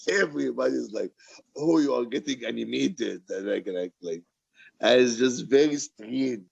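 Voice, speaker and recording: Here a male writer and poet answers questions from the audience at a lively, frank book-reading talk. He's emphatic and passionate about his work, restating points to drive them home, in an unhurried, creaky mid-range voice with a breathy edge. The audio sounds dry and muffled.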